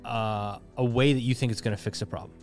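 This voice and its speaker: A man's voice: medium pitch, steady tone, fast talker, a little mellow, faint music behind. Earnest man recounting a night. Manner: earnest, reflective storytelling with frequent restarts. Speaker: podcast co-host. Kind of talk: casual chat.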